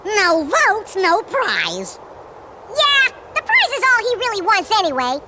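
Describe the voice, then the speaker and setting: A woman voicing a small, feisty, cheerful male cartoon chipmunk in a video game, with a squeaky voice. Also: huge pitch swings, measured pace, very noisy, exaggerated voice. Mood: explaining. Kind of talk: animated video game voice acting.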